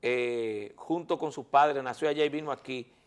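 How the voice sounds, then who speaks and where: A Dominican man appears as a lawyer guest in a heated talk-show debate, arguing insistently and repeating words to keep the floor. His mid-range voice is smooth and moves at a normal speed.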